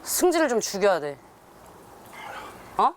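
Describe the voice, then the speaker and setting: A woman's voice: medium pitch, sing-song, measured pace, a little hiss or hum. A woman, the daughter in a documentary, talking informally and emotionally with her father. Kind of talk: casual family talk.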